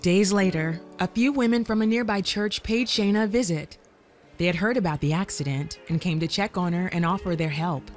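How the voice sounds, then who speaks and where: A woman narrating a scripted documentary in a measured, even storytelling manner. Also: fairly low pitch. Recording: soft music underneath.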